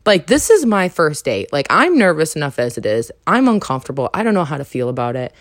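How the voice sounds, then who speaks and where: Low-voiced woman telling a story. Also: fast talker, no echo, clean studio sound. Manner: animated, acts out quoted lines with big pitch jumps. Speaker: podcast host. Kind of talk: casual storytelling.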